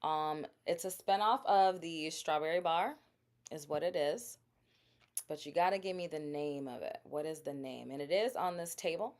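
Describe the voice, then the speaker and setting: Hosting a casual live sales stream for her bath products, a woman with a low-sitting voice talks at a normal speed. She's chatty, speaks straight to her viewers, and quizzes them on what she sells.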